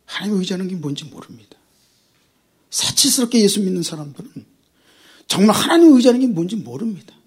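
A pastor preaching a sermon, repeating phrases and firing rhetorical questions, swinging from near-whispers to shouts. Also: medium pitch, big pitch swings, fast talker, long pauses, breathy edge.

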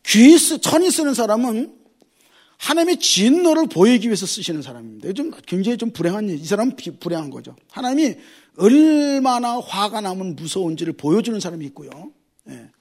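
A middle-aged man preaching a sermon as a pastor, animated and swinging between loud exclamations and quiet asides. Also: high-pitched, fairly quick.

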